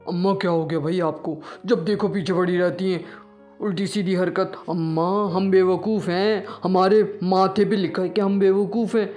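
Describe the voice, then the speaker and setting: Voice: medium pitch, steady tone, darkish tone, soft background music, natural voice. A performer voicing a naive young man who brags that he has become a healer, in a comic audio story. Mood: boastful. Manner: bragging, self-important.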